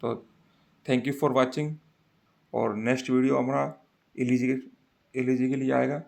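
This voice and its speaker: A male teacher with a strongly gravelly, creaky voice delivers an exam-prep lecture. His pitch sits in a middle range, and he walks through each point step by step, repeating key facts so they stick. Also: little pitch movement, measured pace.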